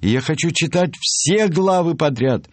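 A man's voice: fairly high pitch, lively intonation, normal speed, no echo, voice pushed up, close to an everyday voice. A man voicing a demanding reader character who insists on hearing the whole story. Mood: insistent. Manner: demanding, emphatic.

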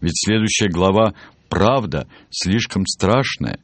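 A man's voice: deep voice, lively intonation, slow pace, no echo, full character voice. Ernest, a man doing a fretful pleading voice. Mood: worried. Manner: pleading, worried. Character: fretful male character Ernest.

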